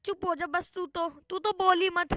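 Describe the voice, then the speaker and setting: A woman's voice: extremely high pitch, fairly even intonation, normal speed, fairly bright tone, no room sound. A woman playing a strict, short-tempered male schoolteacher in a comic school skit, scolding and exasperated. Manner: scolding, exasperated, threatens with a stick.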